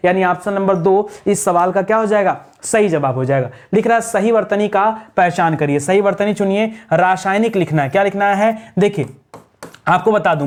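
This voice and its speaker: A male teacher going through spelling questions in an exam-prep lesson, asking a question and then answering it himself. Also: high voice. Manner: drills answers with repeated questions.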